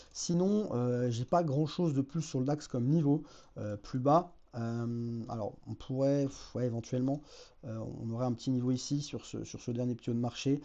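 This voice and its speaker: A man's voice: mid-range voice, warm tone, highs cut off. A man hosting a weekly market review, casually walking through charts, hesitant, with many fillers and self-corrections. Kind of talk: casual chart-walkthrough commentary.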